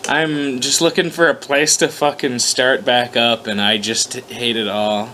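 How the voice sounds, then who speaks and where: A man hosts a casual reading of fan fiction he wrote himself, cursing offhandedly, making fun of himself, and fumbling his words. His mid-range voice is bright and forceful, with fairly even intonation and an unhurried pace. A little hiss or hum can be heard.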